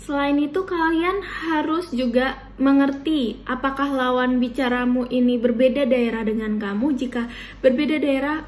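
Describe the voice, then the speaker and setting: Young woman, student, from Indonesia, high-pitched, casual chatty advice, filler words, faint background noise. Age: young adult. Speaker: university student. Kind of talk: informal talk giving tips to viewers.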